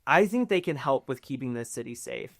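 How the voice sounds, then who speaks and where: A woman voicing an earnest young male guard who speaks in a hurried way. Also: extremely low pitch, lively intonation, exaggerated voice.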